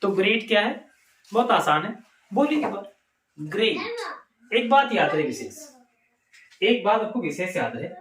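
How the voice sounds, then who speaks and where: Lively Indian teacher, echoey room. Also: male voice, high-pitched. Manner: lively, asks the class questions and answers them himself. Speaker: English teacher. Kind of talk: classroom lesson.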